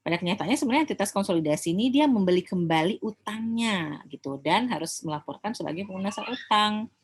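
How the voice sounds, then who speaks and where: A woman with an Indonesian accent, an accounting lecturer, gives an informal lecture in a mid-range voice. She talks fast and animatedly, explaining conversationally and frequently using tag questions to make sure listeners are following. There is slight background noise.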